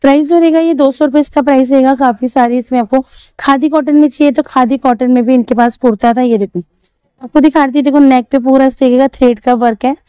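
This young woman talks fast in a high, mellow, clear and resonant voice with fairly even intonation, and the recording is dry. She walks through a busy outdoor street market for her vlog, showing clothes, discussing prices and fabrics, and questioning shopkeepers.

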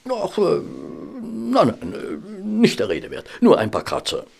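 A man's voice: high-pitched, huge pitch swings, unhurried, gravelly, slightly rough, exaggerated voice. An actor playing a genteel, flustered male doctor and detective's companion in a radio play, polite and mildly exasperated. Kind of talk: German audio drama acting.

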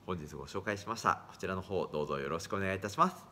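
A man's voice: racing, slight background noise. A man in his thirties, an eyewear shop worker, giving a formal, courteous product presentation into a phone camera in a small shop. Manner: formal, courteous, lively rises in pitch. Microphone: phone camera at arm's length.

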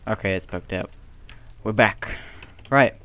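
A man's voice: lowish voice, a little slow, a bit bright, a little hiss or hum. Playful young man narrating a game. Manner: playful, hums and yelps while playing. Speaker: gamer. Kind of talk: casual gaming commentary.

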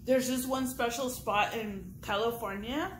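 A woman's voice: on the high side, a little slow. A young woman vlogging casually while eating, talking with her mouth full and rambling with fillers. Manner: rambling, many fillers and restarts. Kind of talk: casual mukbang chat. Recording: echoey room with faint ambient noise.

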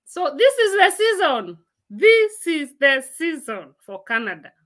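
Her voice high, sing-song, and a bit bright, a woman in her forties hosts an unhurried, casual livestream from a room at home. Chatty and frequently laughing, she reads and replies to viewers' comments through a laptop mic.

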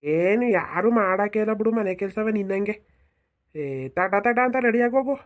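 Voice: medium pitch, moderate pace, lightly acted. A performer voicing an impatient middle-aged village farmer in a comedy cartoon, with a grumbling, hurrying manner. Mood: urging.

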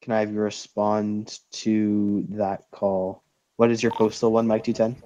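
A man's voice: on the low side, completely flat delivery, unhurried, mellow, no echo. A man playing a police dispatcher over the radio, clipped and procedural, using radio codes. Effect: heard over police radio. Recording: muffled radio with faint hiss.

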